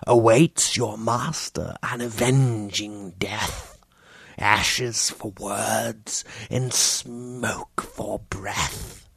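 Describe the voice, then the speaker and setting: A male audiobook narrator voicing an old fanatical sorcerer priest who speaks low and breathless, in a whispery, gravelly way. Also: steady tone, drawn-out words, a bit bright, dry recording, exaggerated voice. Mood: chanting prophecy. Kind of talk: audiobook character reading.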